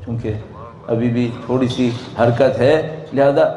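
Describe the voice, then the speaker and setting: A man giving a religious sermon to a congregation, swinging between loud rising questions and quiet drops. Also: steady tone. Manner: dramatic rises and drops in pitch and volume, rhetorical questions. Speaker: preacher. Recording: echoey hall.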